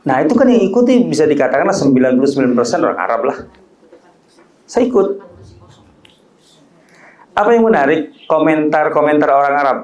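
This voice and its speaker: Male preacher, a bit high-pitched; casual and joking with emphatic rises; reverberant room. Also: darkish tone. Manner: joking, conversational, rising emphatic peaks. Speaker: Islamic preacher. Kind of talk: religious study talk. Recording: roomy echo.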